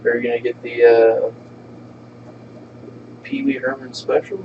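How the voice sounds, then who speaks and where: A man's voice: medium pitch, flat delivery, a little slow, noisy background. A joking, irreverent man chatting casually as he riffs on a video game. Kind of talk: casual chat, riffing on a game. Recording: muffled, distant mic, game music behind. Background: game music.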